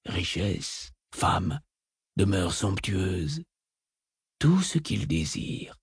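A man voicing a calm, calculating mentat advisor in an audiobook, soft-spoken and reasoned. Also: low-pitched, drawn-out words, slightly rough, dry recording, clean studio sound, voice pushed down, full character voice. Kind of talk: audiobook reading.

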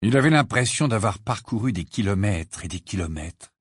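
A man narrating an audiobook in an expressive reading voice that softens on quiet passages. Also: fairly low pitch, moderate pace, slightly rough, no echo, clean studio sound. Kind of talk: scripted narration.

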